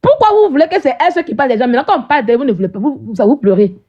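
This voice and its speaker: Combative high-voiced woman ranting on a live stream. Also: lively intonation, rapid-fire, dark tone, highs cut off. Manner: combative, mocking, keeps asking "hein?". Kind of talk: heated live stream rant at viewers.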